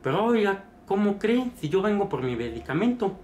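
A man's voice: big pitch swings, fairly quick, darkish tone, a little hiss or hum. A man voicing an upset elderly patient with a Mexican accent, pleading and indignant in a raised voice. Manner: pleading, indignant, high-pitched. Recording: roomy echo.

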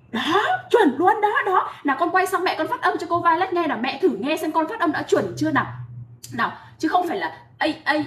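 High-voiced encouraging woman teacher. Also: recorded from a distance. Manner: encouraging, repeats sounds for the child to copy. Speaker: English teacher. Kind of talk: pronunciation lesson for children. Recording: echoey room with faint noise.

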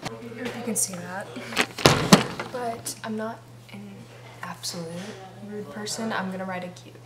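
A woman's voice: medium pitch, fairly even intonation, normal speed, very noisy. A young woman chatting casually as a vlogger into a handheld camera. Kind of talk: casual vlog chat. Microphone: handheld camera, sometimes at a distance. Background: music.

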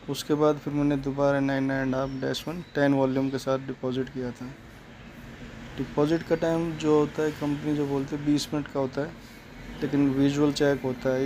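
A man walks through a salon color job one step at a time. His voice is mellow and stays almost perfectly level. He goes over each step again as he talks, and a faint room hum sits behind him. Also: mid-range voice. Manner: plain, explanatory, repeats steps. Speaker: hair colorist. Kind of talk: step-by-step salon tutorial narration.

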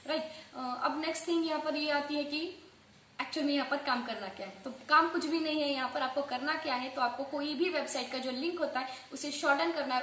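Woman tutorial host, quick casual patter with English phrases mixed in, high voice, roomy echo. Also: fairly bright tone. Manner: fast-talking, mixing English phrases into her speech. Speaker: online earning tutorial host. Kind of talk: casual tutorial talk to viewers. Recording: echoey room with faint background noise.

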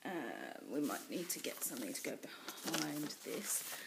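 This cross-stitch vlogger, a thirtysomething woman from England, rambles casually with many ums in a small room at home. Her pitch swoops wildly in a deep, fried voice at a moderate pace, and the close-range built-in webcam mic makes it very noisy.

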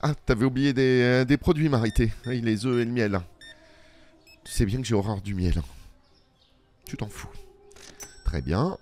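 A man's voice: mid-range voice, normal speed, darkish tone. Playful man role-playing a cashier. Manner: playful, talks back to unheard boss and customers. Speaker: let's play gamer. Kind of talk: improvised role-play commentary.

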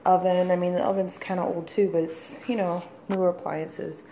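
A woman's voice: lowish voice, little pitch movement, moderate pace, dark tone, slight background noise. A young woman vlogger giving a casual walking tour of her apartment, rambling with lots of "like" fillers, filmed on a handheld phone. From Washington DC area. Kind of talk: casual house tour vlog. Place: apartment indoors, walking room to room. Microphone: handheld phone camera.

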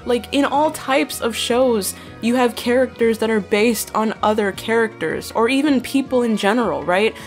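With a fairly high, slightly nasal voice at normal speed and few pauses, a young woman chats casually while responding to fans' questions. She leans heavily on fillers like "like" and "bro," and soft background music plays underneath.

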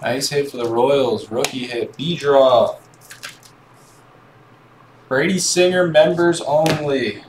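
A man hosting a live card break, calmly calling out each card as he opens packs and chatting with viewers. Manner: slow, low-key calling of cards while chatting to viewers. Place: indoor room with card boxes on a table. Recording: echoey room with faint background noise.

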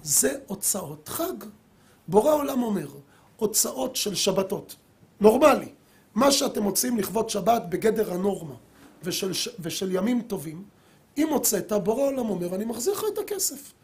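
A middle-aged man, a rabbi, giving a sermon and telling a story, acting out the quoted dialogue with lively voices. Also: high voice. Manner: animated storyteller who acts out quoted dialogue.

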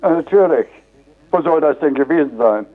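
A man's voice: on the high side, lively intonation, moderate pace. An older man heard over a telephone line, confused and increasingly irritated, keeps asking who is calling and what is meant. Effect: heard over a phone line. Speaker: prank call target. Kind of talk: bewildered phone conversation. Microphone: telephone handset.

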